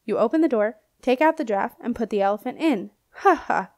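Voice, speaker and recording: A woman's voice: a little high, lively intonation, a little fast. Woman doing a jovial ancient ghost knight. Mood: joking. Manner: jovial, chuckling, jokey. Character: cheerful ancient male ghost knight, joking guard.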